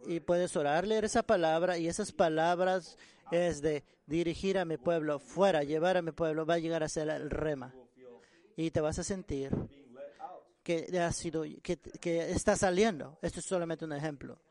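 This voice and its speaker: A man preaching a sermon on prayer, earnest and halting, often repeating and restarting words. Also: on the high side, a little mellow.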